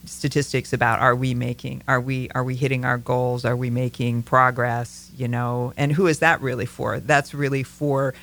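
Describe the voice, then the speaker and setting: Gravelly-voiced man discussing politics. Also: medium pitch, level tone, moderate pace, few pauses, fairly bright tone. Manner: thoughtful, hesitant, many fillers and restarts. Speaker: political talk show co-host.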